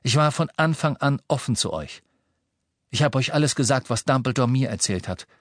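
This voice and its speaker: A man's voice: medium pitch, lively intonation, moderate pace, no room sound, voice pushed up, lightly acted. A man reading the part of a young man, holding his anger in with cutting control. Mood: angry. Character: young man, calm turning angry.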